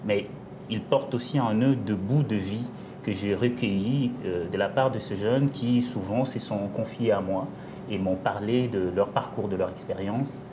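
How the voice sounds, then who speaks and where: A man from Congo, a novelist, answering interview questions in a measured, articulate way with some hesitations. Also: fairly low pitch, background noise. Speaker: novelist guest.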